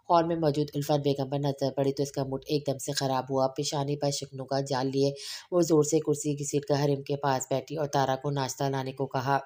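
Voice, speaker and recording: A woman narrating an audio novel in a steady, even reading. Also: extremely low pitch.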